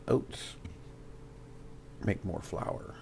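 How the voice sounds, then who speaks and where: A man with a Southern US accent giving casual gameplay commentary, thinking aloud with fillers and pauses. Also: dark tone, slight background noise. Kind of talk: casual let's-play commentary.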